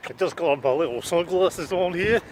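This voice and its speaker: A man's voice: a little high, moderate pace, noisy background, voice pushed up, lightly acted. A Scotsman doing a breezy sunglasses-wearing vlogger. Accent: Scottish. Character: laid-back male vlogger in sunglasses, strolling to the beach.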